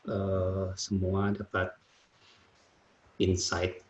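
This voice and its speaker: A man speaking slowly as a webinar guest, thanking everyone. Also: low-pitched, completely flat delivery. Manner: slow, thankful. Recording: dull, roomy, noisy line.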